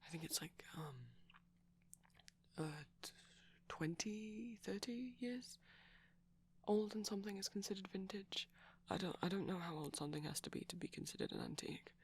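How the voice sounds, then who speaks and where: A high-voiced man does a soft-spoken ASMR boyfriend roleplay, cast as a shy, gentle vampire. He rambles haltingly in a breathy voice that frequently falls to a whisper.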